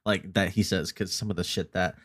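A man's voice: deep voice, fairly even intonation, brisk, a bit bright. A young man hosting a casual podcast, teasing his friend and laughing often. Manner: teasing, exasperated, laughs a lot. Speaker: podcast host. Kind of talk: casual chat.

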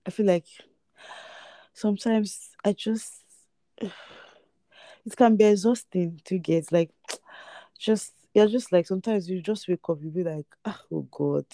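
A young woman co-hosting a casual podcast chat, croaky from just waking up, laid-back and quick to laugh. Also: medium pitch, warm tone, no echo. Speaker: podcast co-host.

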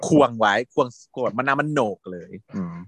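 A man casually recapping a TV drama as a podcast host, animated, laughing often and acting out lines. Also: medium pitch, normal speed, dry recording.

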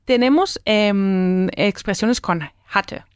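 A woman's voice: mid-range voice, slow pace, clean tone, dry recording, clean studio sound. Patient woman teaching German. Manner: patient, explains with frequent tag questions. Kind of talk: language lesson dialogue.

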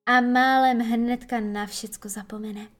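A woman's voice: fairly high pitch, steady tone, lightly acted. A woman voicing a sensible, motherly girl who speaks earnestly and firmly. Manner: earnest, firm.

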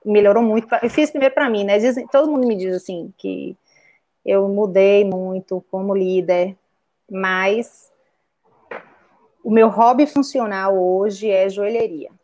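Speaking with a Bahian Portuguese accent, a middle-aged physiotherapist and pilates instructor from Bahia, Brazil, joins a casual conversation as a guest. She talks at length, telling stories full of asides. Her medium-pitched voice is a little slow and a little mellow.

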